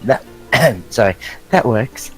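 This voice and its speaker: Mid-pitched man chatting at game table. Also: lively intonation, takes it slowly, a bit bright, faint music behind, low-quality recording. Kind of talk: casual chat during a game.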